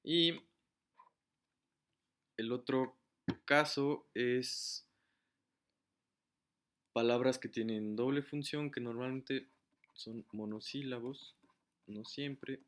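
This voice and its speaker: A man's voice: medium pitch, drawn-out words, long pauses, a bit bright. A man giving a casual, step-by-step grammar lesson while writing on a board. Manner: casual, explains step by step, writes while talking. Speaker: teacher.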